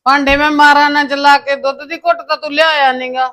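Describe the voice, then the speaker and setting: Angry punjabi wife nagging her drunk husband, high bright voice played by a woman. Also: flat delivery, brisk. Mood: scolding. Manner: scolding, nagging, bitter. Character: fed-up scolding Punjabi wife and mother. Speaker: wife and mother.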